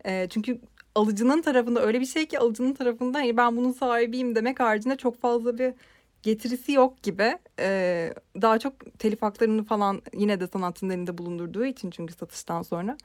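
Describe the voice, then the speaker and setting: A woman's voice: on the high side, brisk, dry recording, studio quality. A woman co-hosting a film podcast, chatting casually and expressively with frequent fillers and laughter. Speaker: podcast co-host.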